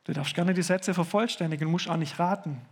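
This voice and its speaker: Earnest high-voiced German preacher. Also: male voice, darkish tone, slightly rough. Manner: earnest, slows down to stress key phrases. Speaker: pastor. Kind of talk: sermon. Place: church service.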